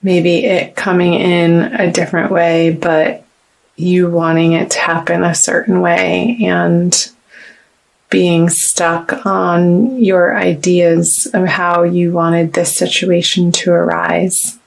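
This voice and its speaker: A woman reads tarot in a slow, halting way, pausing often as she turns the cards. Her voice sits low with a gravelly edge and stays fairly flat. She stays soft and reflective throughout. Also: low-quality recording. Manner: slow, halting, with many restarts and ums. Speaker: tarot reader. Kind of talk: casual tarot reading to camera.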